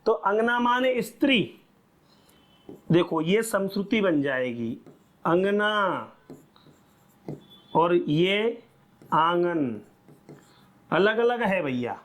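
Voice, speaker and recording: A man's voice: high-pitched, lively intonation, slow pace. A male teacher giving a classroom lecture, asking the class short questions and answering them himself.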